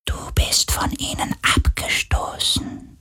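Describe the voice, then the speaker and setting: A man voicing an ancient, dying male sea spirit in an audiobook. He speaks in a breathy whisper, wistful and rapturous. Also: slow, sharp tone. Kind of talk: audiobook character voice.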